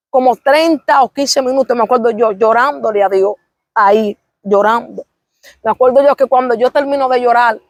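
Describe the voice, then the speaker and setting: High-voiced woman giving a fervent testimony. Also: no room sound. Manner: fervent, repetitive storytelling with exclamations of praise. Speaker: interview guest. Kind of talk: emotional religious testimony.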